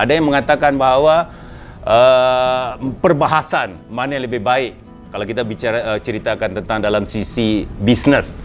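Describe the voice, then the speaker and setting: A man with a Malay accent hosts a casual motivational business talk in an indoor room with a small group present. He speaks conversationally, using frequent fillers and sudden pitch jumps for emphasis.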